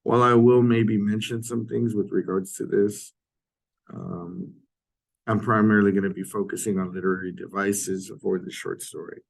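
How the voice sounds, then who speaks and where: A man giving an informal recorded literature lecture in a halting way, often clearing his throat, his voice hoarse and giving out from a sore throat. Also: lowish voice, fairly even intonation, low-quality recording.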